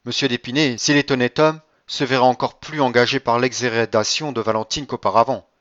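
A man's voice: mid-range voice, fairly even intonation, brisk, a bit bright, no room sound, dull audio, close to an everyday voice. A man voicing a proud, indignant French magistrate in an audiobook reading, speaking emphatically.

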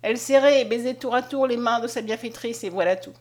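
A woman narrating a novel aloud, in a measured, expressive reading. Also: on the high side. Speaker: audiobook narrator.

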